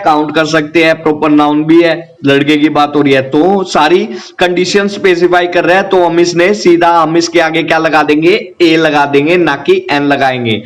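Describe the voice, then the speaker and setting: A man teaching a grammar lesson, who asks the class questions and answers them himself while repeating the key points. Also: on the high side.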